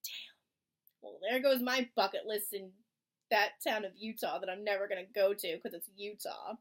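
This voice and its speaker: A young woman co-hosting a casual podcast, blunt and quick to swear. She rambles through her points with plenty of fillers. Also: medium pitch, fairly even intonation. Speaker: podcast co-host. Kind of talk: casual chat.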